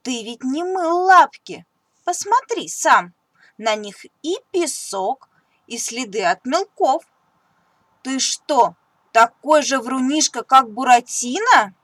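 A woman's voice: high-pitched, expressive, slow, fairly bright tone, dry recording, voice pushed up, full character voice. Woman doing stern mother mouse. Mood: scolding. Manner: firm, scolding, motherly. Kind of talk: storybook reading.

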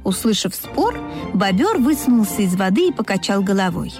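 A woman reading a children's story aloud in an expressive, lilting way. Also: medium pitch, moderate pace. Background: soft music.

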